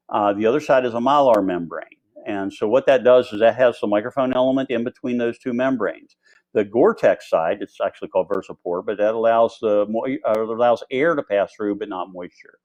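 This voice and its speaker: Guy with a lowish voice, rambling casually thru a gear demo like an instructor. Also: darkish tone. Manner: rambling, conversational explaining. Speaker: instructor presenting diving gear. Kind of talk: informal product tutorial on live video.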